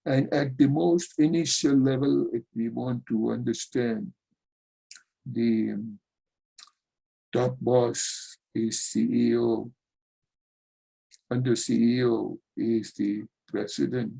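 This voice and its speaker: A man's voice: mid-range voice, steady tone, takes it slowly, creaky, pauses often, warm tone, husky, rough recording. A man teaching yoga philosophy in an earnest spiritual talk, addressing listeners as dear friends.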